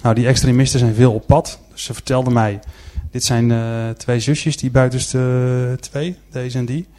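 Earnest and storytelling in manner, a man addresses a gathered audience in a church-style presentation while pictures play on a screen. His voice is warm and middle-pitched with fairly even intonation, and he often pauses on hesitant filler sounds.

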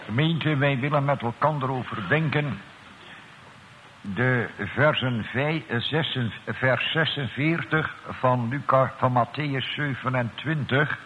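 A man leading a slow, solemn church prayer and sermon as pastor, addressing God in archaic, formal words. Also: medium pitch, a little hiss or hum. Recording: old radio broadcast, tinny, echoey church.

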